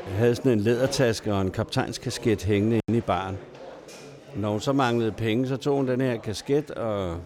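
A man's voice: mid-range voice, darkish tone. A man casually telling old pub anecdotes, chuckling now and then and speaking in a salty, colloquial way, recorded in a neighbourhood pub. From Denmark. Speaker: storyteller.

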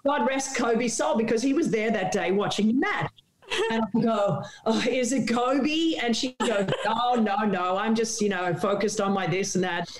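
A woman who is a former tennis pro and TV analyst, telling a lively anecdote as a guest and acting out the voices of the people in it. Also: mid-range voice, normal speed, a loud crowd. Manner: animated, laughing, acts out quotes. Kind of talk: casual storytelling anecdote. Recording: roomy echo.

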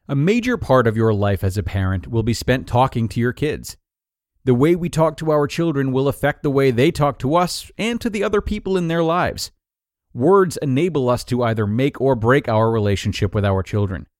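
Reading an article aloud, a male narrator delivers scripted numbered tips evenly and clearly. His intonation is animated, rising and falling, while the audio sounds dry and close-miked without any room reverberation.

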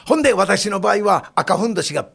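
An older man with a Kansai accent, a guest telling lively anecdotes and acting out the voices in them, with a gravelly, husky voice. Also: sits high, fast. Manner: lively, acts out the voices in his stories.

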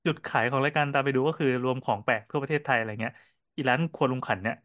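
A man co-hosting a casual podcast, telling cafe stories in a quick, animated way with lots of fillers. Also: medium pitch, no room sound. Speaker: podcast co-host and cafe owner.

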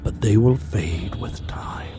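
A man voicing an ancient, patient demonic stag that speaks in a slow, purring whisper. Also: fairly low pitch, music in the background. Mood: menacing whisper.

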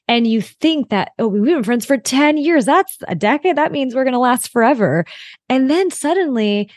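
A woman in her late thirties joins a podcast as a guest over a video call, chatting casually in an interview and voicing her own thoughts as quotes. Her voice sits high and sounds expressive, with a moderate pace and no echo.

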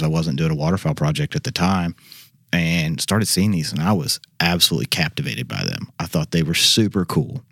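A deep-voiced university biologist and teacher from Arkansas joins an interview as a guest expert. He explains things casually in everyday words, and the recording is dry with no echo.

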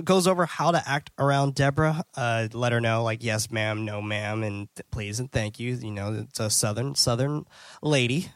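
Dude recapping a movie on a podcast, casual, lots of likes and ums, cusses a bit, dry no-echo sound. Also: male voice, medium pitch, fairly bright tone. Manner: loose, filler-heavy, swears casually. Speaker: podcast host. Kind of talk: casual movie-review chat.

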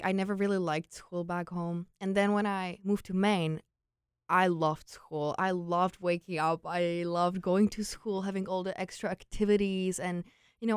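A young woman with a Czech accent speaks in a fairly low, clean voice, in a dry, studio-quality recording. Originally from Prague and a former exchange student, she's interviewed as a guest and shares personal stories informally, filled with "like" and quoted thoughts.

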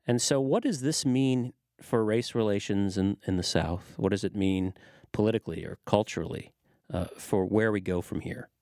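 A man's voice: on the low side, normal speed, darkish tone, no room sound, clean studio sound. A man hosting a news podcast, asking conversational questions and reading the closing credits. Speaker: podcast host. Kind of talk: podcast interview and outro.

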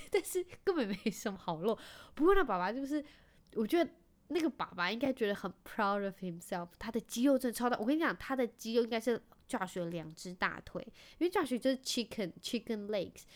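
A woman's voice: on the high side, animated, fairly quick. A woman in her thirties with a Taiwanese Mandarin accent, chatting casually as a host and telling wry, self-mocking stories about her family. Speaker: podcast host, mother. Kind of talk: casual storytelling chat.

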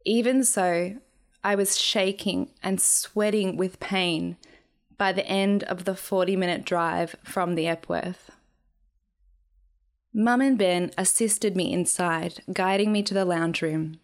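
A woman's voice: fairly low pitch, slow. A young woman reading her own memoir aloud in a dry, wry storytelling manner. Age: young adult. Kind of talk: memoir narration.

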